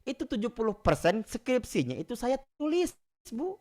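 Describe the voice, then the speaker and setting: Man giving an animated religious lesson. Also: very high-pitched, normal speed. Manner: animated storytelling, often addresses the audience directly. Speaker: Quran recitation teacher. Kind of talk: casual Islamic study lecture.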